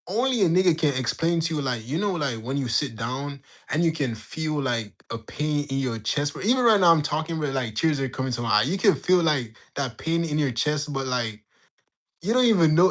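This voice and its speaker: A young adult man from Jamaica hosts a livestream, telling a casual story to his live chat. He's animated and slangy, bantering with viewers in a fairly high voice.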